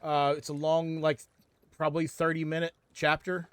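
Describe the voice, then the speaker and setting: A man talks over his livestream through a headset mic, his voice a bit higher than most men's. He rambles loosely, breaking off and restarting sentences and filling gaps with ums, the way a streamer chats between moments of play. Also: level tone, normal speed, clear, resonant tone. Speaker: livestream gamer. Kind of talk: casual stream chat.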